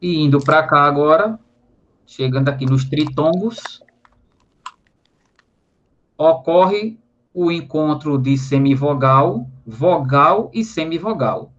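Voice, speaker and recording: A slightly high, somewhat bright male voice with lively intonation moves slowly and pauses often. The speaker is a Brazilian teacher with a Brazilian Portuguese accent explaining grammar in a recorded online lesson, frequently spelling out syllables and adding tag questions. The recording is slightly dull and lo-fi.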